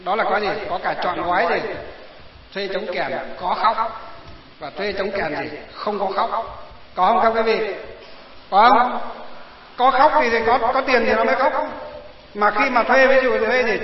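A man delivers a Buddhist sermon. His voice sits high, and he keeps pausing to ask the crowd questions. The sound is dull and lo-fi, with a long reverb like a big hall. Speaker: Buddhist preacher. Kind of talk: sermon to villagers.

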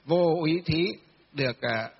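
A man's voice: a little high, a little slow, husky. A man, a Buddhist monk, giving a chatty dharma talk to a temple audience, asking questions and answering them himself with many filler sounds. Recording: dull distant reverberant hall recording.

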